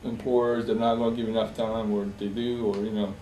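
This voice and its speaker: A young Bosnian man, heard from a distance in a reverberant room with light background hiss, talks about himself in an interview. He sounds mellow and low-key with a flat delivery, and he keeps stalling on fillers and starting his sentences over.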